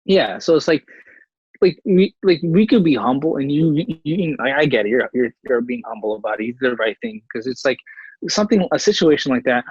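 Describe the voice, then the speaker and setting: A man with a husky voice in easygoing podcast chat, backing up his co-host and peppering his talk with "man". The audio is slightly muffled and dry, with no room sound. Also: medium pitch, expressive, brisk, no room sound. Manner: easygoing, supportive, chatty with "man". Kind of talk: casual conversation.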